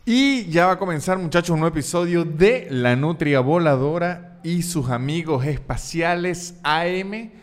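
A man's voice: a little high, animated, normal speed, hardly any pauses, faint music behind. A man hosting his own podcast as a stand-up comedian, talking casually in a playful, joking, rambling way and correcting himself as he goes.

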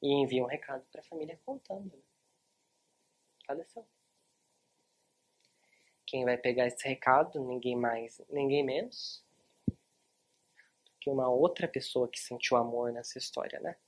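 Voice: medium pitch, a little slow, long pauses. A literature teacher with a Brazilian accent retells a novel in a chatty, informal online lesson and talks straight to the viewers. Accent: Brazilian Portuguese.

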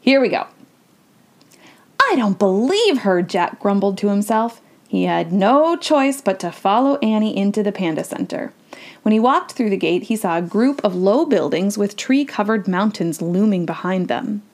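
Lively woman reading a storybook aloud. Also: mid-range voice, moderate pace. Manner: chatty, playful asides between reading. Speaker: children's book reader.

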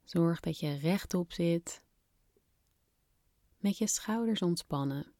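Soft, slow, soothing woman guiding breathing. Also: fairly low pitch, no room sound, studio quality. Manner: soft, soothing, unhurried instruction with long pauses. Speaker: breathing exercise guide. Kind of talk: guided relaxation exercise, scripted narration.

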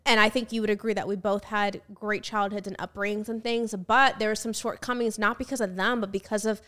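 Young woman podcast host, mid-pitched, chatty and quick to laugh. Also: little pitch movement, a bit bright. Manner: chatty, laughs often, lots of "like". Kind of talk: casual chat.

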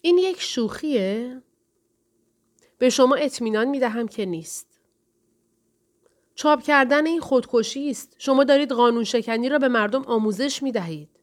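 Stern unsmiling male publisher, clipped and scornful, pitched up; a woman narrator puts him on. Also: pauses often, natural voice. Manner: curt, dismissive. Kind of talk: audiobook reading.

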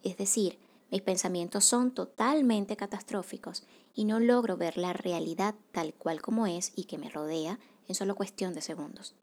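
On a wellness podcast, a woman who works as a psychocorporal facilitator reads a scripted monologue. Her medium-pitched voice is calm, measured, and soft-spoken.

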